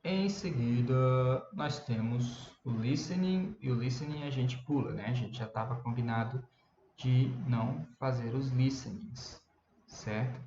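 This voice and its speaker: A Brazilian man with a warm, medium-pitched voice and a slightly slow delivery teaches English in a relaxed, chatty way, blending English terms into his Portuguese explanations. This online lesson recording is lo-fi and roomy, with a faint hum underneath.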